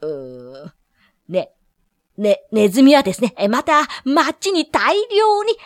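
A woman's voice: fairly high pitch, sing-song, slow pace, no echo, clean studio sound, voice pushed up. A woman doing a stammering, flustered mayor. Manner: stammering, hesitant, evasive. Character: flustered stammering town mayor, middle-aged man.

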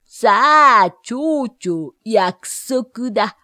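A cocky, rough-talking piper man from a storybook, as a woman puts him on, stretching out his demands with a swaggering lilt. His voice swings up and down, recorded close and dry with no room around it. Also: fairly high pitch, animated, drawn-out words, pushed and bright, no room sound, full character voice. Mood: demanding. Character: swaggering shady male piper demanding pay.

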